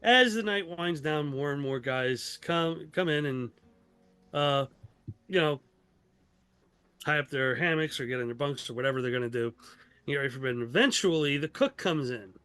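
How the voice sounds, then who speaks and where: Brief: male game master, a bit high, loose rambling narration, dry close mic. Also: expressive, normal speed, bright, forceful tone, smooth, no room sound.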